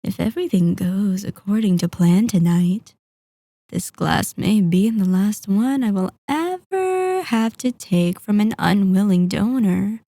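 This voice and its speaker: Speaking softly and mellowly at medium pitch, a woman plays a sadistic female vampire lord possessively toying with her captive hunter. The ASMR roleplay is very close and dry with no room sound. She's animated, drawing out her words slowly with teasing, mock-polite, silky menace.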